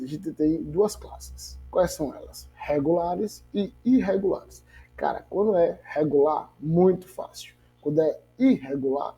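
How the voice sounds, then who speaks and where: An English teacher gives a grammar lesson, asking rhetorical questions and drilling example phrases slowly. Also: mid-range voice, dark tone, low-quality recording.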